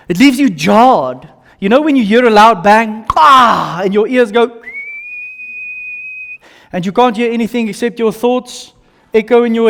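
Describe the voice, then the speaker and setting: A man with an Afrikaans South African accent preaching a sermon in emphatic short phrases, repeating himself and putting questions to his listeners. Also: sits high. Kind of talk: sermon with slides and audience questions. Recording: long hall reverb.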